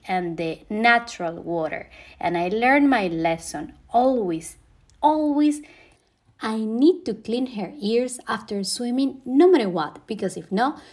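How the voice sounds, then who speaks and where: Speaking indoors in an echoey living room, a dog-owning vlogger from Venezuela chats casually to camera. Spanish is her native language, and her mid-range voice has a slightly mellow quality.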